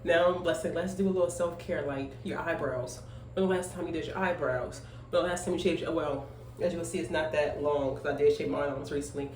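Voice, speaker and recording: Her voice sits low, steady in tone and a little mellow, moving fairly quickly with hardly any pauses: a 25-year-old single-mother vlogger rambling casually at home while grooming, heavy on fillers and emphatic asides. The room is echoey, she's off-mic, and there's faint noise.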